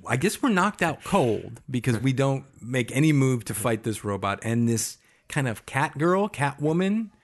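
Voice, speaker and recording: A man talking loosely about an old video game with his co-hosts. He laughs between lines, swears for emphasis and throws in quick asides. His pitch sits in an ordinary middle range. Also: big pitch swings. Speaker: podcast co-host. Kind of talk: casual game-retrospective chat.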